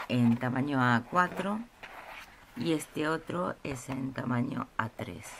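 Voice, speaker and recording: Speaking in a low bass voice, a woman casually presents her craft haul, slow and hesitant with frequent pauses and filler words. The camera hangs over the tabletop indoors while she remains off-screen. Packaging crinkles throughout the noisy recording.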